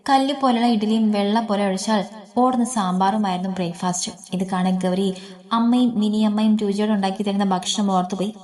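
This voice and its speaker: A woman narrating a scripted story in a gentle, even reading voice. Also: mid-range voice, a little fast.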